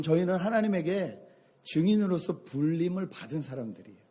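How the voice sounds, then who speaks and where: Husky-voiced male pastor preaching. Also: fairly high pitch. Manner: storytelling, animated anecdotes. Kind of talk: sermon.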